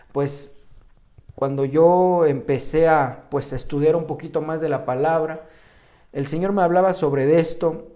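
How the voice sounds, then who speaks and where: Pastor, man, Mexican accent, sermon with prayer, halting delivery, throat-clearing, raised and mellow tone. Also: a little high. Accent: Mexican Spanish. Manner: hesitant, with many fillers and restarts; clears his throat often. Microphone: online stream to a remote congregation.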